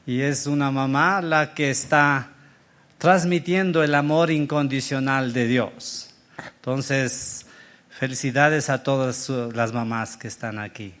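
A man's voice: medium pitch, fairly even intonation, slow pace, fairly bright tone. A man preaching a sermon to his church, telling a story in an earnest way and often correcting himself mid-sentence. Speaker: pastor.

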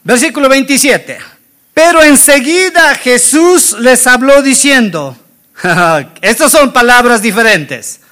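A man's voice: very high voice, animated, slow pace, pushed and bright. A man preaching a sermon, dramatic and acting out the Bible scenes, often asking the congregation questions. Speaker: pastor.

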